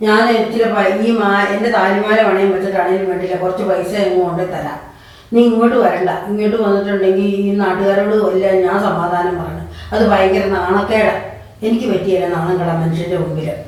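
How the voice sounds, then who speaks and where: A woman's voice: medium pitch, steady tone, a little fast, a little mellow, recorded from a distance, close to an everyday voice. Actress as fretful middle-aged mother, echoey room, mic set back. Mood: anxious. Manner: fretful, pleading.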